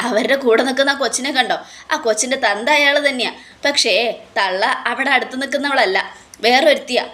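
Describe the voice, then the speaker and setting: Defiant young wife, scornful and unbothered, taunting, read by a woman recapping a serial; pitched a bit high. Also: sharp tone.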